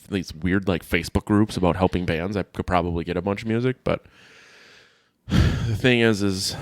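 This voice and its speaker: A man co-hosting a podcast in casual chat, relaxed and agreeable, often trailing off mid-sentence. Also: low voice, no echo, studio quality. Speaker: podcast co-host.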